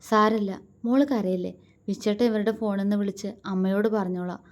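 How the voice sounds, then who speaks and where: A woman's voice: medium pitch, steady tone, brisk, close to an everyday voice. A woman doing a grieving young man who comforts others. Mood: grieving, comforting. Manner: soft, voice breaking.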